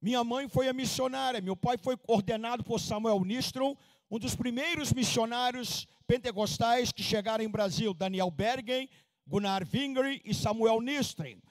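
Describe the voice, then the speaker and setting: A man in his seventies from Minas Gerais, a missionary pastor preaching a sermon, reading scripture slowly and preaching with fervent emphasis. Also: extremely high pitch, no room sound. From Minas Gerais, Brazil. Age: 70s.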